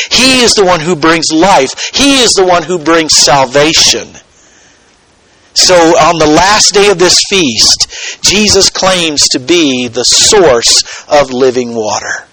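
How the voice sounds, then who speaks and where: A man preaching a sermon, teaching earnestly and dropping to a soft voice for quoted words. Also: on the high side, no echo, poor audio. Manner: slow, earnest teaching with dramatic soft quotations.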